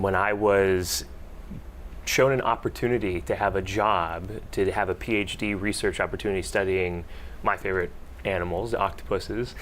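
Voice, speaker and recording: A man answers panel questions in a loose, hesitant way, padding his answers with fillers. His voice sits a little low. A faint hiss lies under the recording. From Pittsburgh, United States. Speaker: PhD student, marine biologist.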